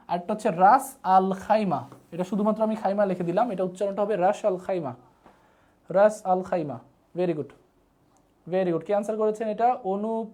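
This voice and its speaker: A man's voice: high-pitched, darkish tone. A man with a Bangladeshi Bengali accent teaching a live online class, repeating terms and asking viewers to comment. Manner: repetitive drilling, asks viewers to comment.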